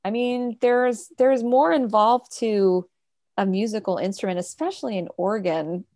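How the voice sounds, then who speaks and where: A woman co-hosting a casual movie podcast, rambling with halting restarts and bursts of excitement. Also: medium pitch. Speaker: podcast co-host. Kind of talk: casual chat about a movie.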